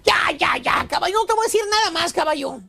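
A man voicing a squeaky, rambling know-it-all with a Mexican accent in a radio comedy sketch, mocking and lecturing his buddies. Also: lively intonation, fast talker, creaky, pushed and bright, raised voice, heavily acted. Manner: mocking, rambling, keeps saying caballo. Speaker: radio show regular.

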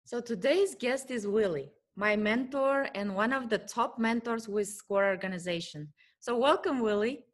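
A woman's voice: fairly high pitch, moderate pace. Woman talk-show host interviewing a guest.

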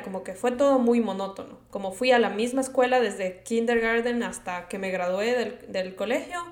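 Chatty Ecuadorian woman in an echoey room. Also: medium pitch. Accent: Ecuadorian Spanish. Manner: chatty, rambling, mixes in English words. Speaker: podcast host. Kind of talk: casual personal podcast monologue.

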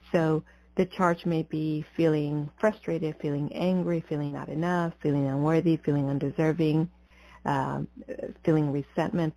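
A woman guiding a breathing meditation as a spiritual coach, in a soothing mystical healer manner with deliberate pauses. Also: deep voice, dark tone, no echo. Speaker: podcast host and spiritual coach. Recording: slightly dull, muffled lo-fi audio.

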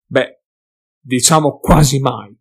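A man reading an audiobook, voicing a gruff, hot-tempered male dwarf warrior who growls and talks bluntly and loudly. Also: mid-range voice, steady tone, slow pace.

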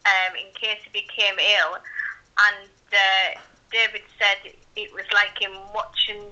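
A woman's voice: mid-range voice, level tone, slow pace, sharp tone, muffled recording. A middle-aged woman heard over a speakerphone call, chatting in a polite, rather formal way. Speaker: guest on a phone call. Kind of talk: casual chat.

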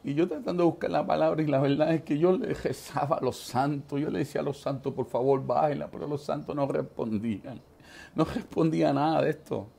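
Gravelly Puerto Rican pastor giving testimony. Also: male voice, on the high side, darkish tone. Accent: Puerto Rican Spanish. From Puerto Rico. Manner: emotional storytelling, repeats "gloria a Jesús". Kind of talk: testimony sermon.

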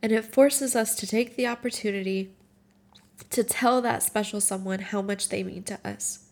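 A tearful, tired Moroccan woman in her twenties shares a personal reflection and reads her own writing aloud. Her delivery is halting and emotional, with frequent restarts, in a medium-pitched voice with fairly even intonation.

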